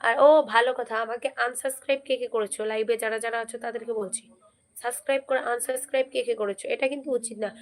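A hoarse woman hosting a casual live stream, chatting and repeatedly urging viewers to comment and subscribe. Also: on the high side, steady tone, rapid-fire.

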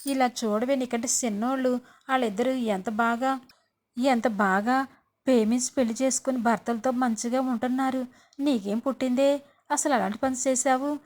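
A woman's voice: a little high, fairly even intonation, moderate pace, a little mellow, lightly acted. A woman voicing a middle-aged mother who sternly scolds and advises her married daughter. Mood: scolding.

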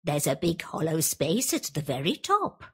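A woman's voice: sits low, wildly swooping pitch, moderate pace, breathy edge, exaggerated voice. A woman voicing a scheming old witch in a children's storybook, coaxing and sly. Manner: sly, coaxing, whispery at times. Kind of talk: storybook voice acting.

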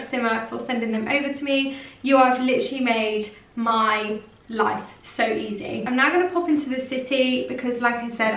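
Young woman vlogger, bubbly and chatty, slightly high voice, recorded on a distant camera mic. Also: fairly bright tone. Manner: chatty and enthusiastic, many likes and literallys. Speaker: lifestyle vlogger. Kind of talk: casual vlog chat to camera. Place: home and shops, indoors. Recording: roomy sound, distant mic, clear background noise.

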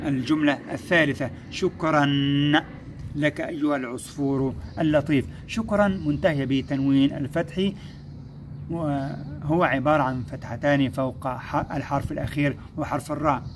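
A first-grade Arabic teacher patiently explains a recorded classroom lesson step by step, slowing down to sound out syllables. He calls his young pupils "my sons" and praises them. His voice is a little high with fairly even intonation, and there's a slight hiss or hum.

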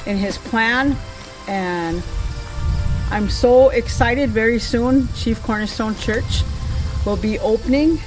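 A middle-aged woman from Red Lake Nation speaks with fervent emphasis, bearing witness to her faith. She is recorded outdoors and sits back from the mic. Music plays clearly under her voice. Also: mid-range voice, far from the mic, poor audio. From Red Lake Nation, Minnesota. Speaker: pastor's widow. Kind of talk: testimony interview. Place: outdoors by a new church.

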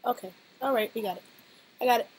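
A woman hosting a casual reaction vlog, chatty and rambling, laughing often, with a hoarse-sounding voice. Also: fairly high pitch, fast, a little mellow, rough recording. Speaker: reaction video host.

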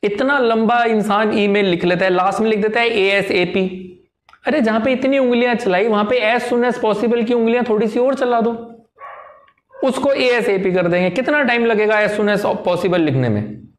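A man's voice: high voice, normal speed. A man teaching an English lesson in Hindi to a class, chatty and repetitive, often checking in with the students. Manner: chatty, repeats phrases, often checks with "theek hai?". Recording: echoey room.

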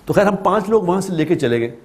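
A man's voice: high-pitched, lively intonation, a little mellow. A man from Pakistan giving a religious talk, telling a story with repeated phrases for emphasis. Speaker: preacher.

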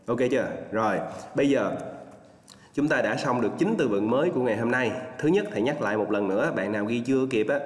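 A male teacher with a Vietnamese accent giving an online English lesson, drilling pronunciation and repeating words slowly for his students. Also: medium pitch. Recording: echoey room with long reverb.

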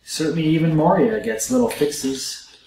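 A man's voice: a little high, moderate pace, dark tone, reverberant, slight background noise, low-quality recording. A man hosting a let's play, musing aloud to his viewers in casual gameplay commentary.

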